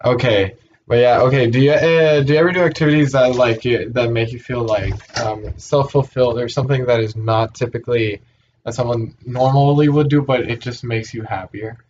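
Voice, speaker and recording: A young man from Puerto Rico hosts a casual podcast chat, sounding hesitant and full of fillers and restarts. His voice is mid-pitched and darkish at a normal speed, captured in dull lo-fi sound with faint hiss.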